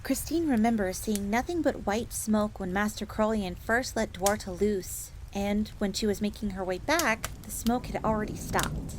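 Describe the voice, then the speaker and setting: Speaking of herself in the third person, a fox maid assassin, polite, eager and genteel, earnestly recounts her story, voiced by a woman in an audio roleplay. The woman's natural voice sits at medium pitch and moves at a moderate pace with few pauses. Crackling firelight ambience fills the background.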